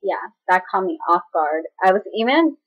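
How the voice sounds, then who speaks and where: A woman's voice: mid-range voice, animated, moderate pace, husky. A young woman chattily retelling a personal story in a casual vlog, acting out what others said. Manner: chatty, dramatic retelling with quoted voices and laughs. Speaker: vlogger. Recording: slightly dull lo-fi audio.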